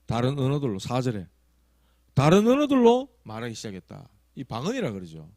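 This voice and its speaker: A male pastor with a Gyeongsang accent preaching a sermon, telling stories that swing from loud emphasis to hushed asides. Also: mid-range voice, wildly swooping pitch, a little fast, no room sound. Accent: Gyeongsang Korean. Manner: acts out quoted prayers and tongues.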